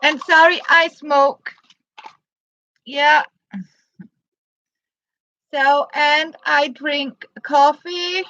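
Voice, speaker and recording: A Danish woman in her fifties, a non-native English speaker, chatting on a live crafting stream in halting, simple English and greeting viewers by name. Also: sits high, fairly even intonation, pushed and bright, dry recording, muffled recording. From Denmark. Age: 50s. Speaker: livestream crafter.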